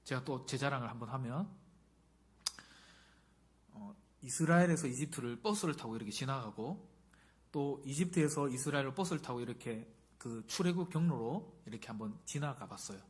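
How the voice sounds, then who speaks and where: A man's voice: mid-range voice, expressive, normal speed. A middle-aged male pastor giving a conversational sermon and often putting questions to the congregation.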